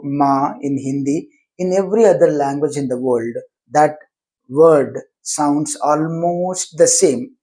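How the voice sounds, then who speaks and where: A man's voice: on the high side, warm tone, low-quality recording. A man with an Indian English accent teaching a spoken lesson on pronunciation, explaining patiently and drawing out example words.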